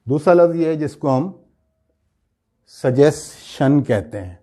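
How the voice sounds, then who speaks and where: A man giving a pronunciation lesson, slow and deliberate, stretching out the words he demonstrates and asking rhetorical questions. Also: fairly high pitch, animated, dark tone. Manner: explanatory, asking rhetorical questions and checking with "right?". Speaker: English teacher.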